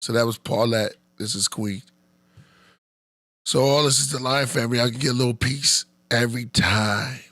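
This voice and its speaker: A man with a gravelly voice hosts a live podcast stream. He talks in a loose, laid-back way, thanking viewers and giving shout-outs. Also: medium pitch, steady tone, moderate pace. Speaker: podcast host. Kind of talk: casual live-stream chat.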